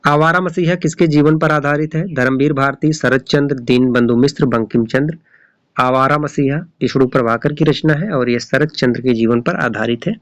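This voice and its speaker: A man's voice: medium pitch, steady tone, normal speed, dry recording, dull audio. Man reading exam questions aloud, dry. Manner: reads each option aloud, then repeats the answer. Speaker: Hindi exam tutor. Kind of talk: reading quiz questions and answers.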